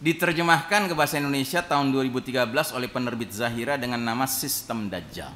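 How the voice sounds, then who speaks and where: A man's voice: mid-range voice, fast, slight background noise. A man preaching at a mosque, telling a story with animation and often turning to speak straight to the people listening. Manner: animated storytelling, acting out quoted voices; addresses listeners directly and often. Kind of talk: mosque sermon.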